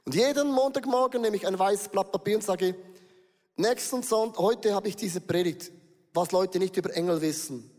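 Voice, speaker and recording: A man preaching a sermon as pastor, lively and direct, often turning to the congregation with questions. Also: high-pitched, normal speed. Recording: reverberant hall.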